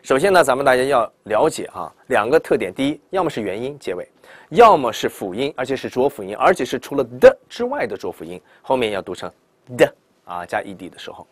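A man gives a lively classroom lesson on English pronunciation, with his pitch moving animatedly as he explains. He drags out the example words slowly so students can copy them, and he keeps checking in with quick questions. The sound is dry and close. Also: no echo. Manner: asks rhetorical checks like "right?" and "对不对".

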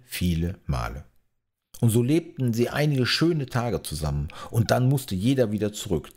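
Deep, husky-voiced fairy-tale narrator. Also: male voice, a little mellow. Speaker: audiobook narrator. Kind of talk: fairy-tale audiobook reading.

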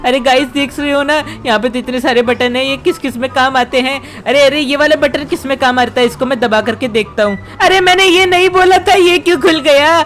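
Woman putting on a mischievous little boy, high squeaky voice, whiny, excitable, panicky cartoonish game commentary. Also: fairly quick, hardly any pauses. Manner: whiny, excitable exclamations, talks to viewers. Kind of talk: gameplay commentary in character.

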